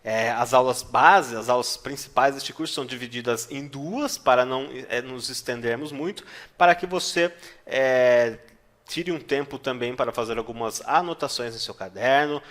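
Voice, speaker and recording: Guy teaching english online, drags out the example words slow, keeps checking you follow. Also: mid-range voice, a bit bright. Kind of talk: online language lesson.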